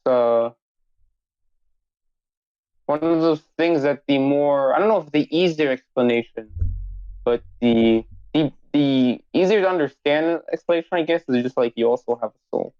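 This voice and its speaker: A young man, co-hosting a casual podcast chat in an animated, halting way with many restarts. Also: fairly high pitch, clear, resonant tone, no echo, highs cut off. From United States. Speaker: podcast co-host.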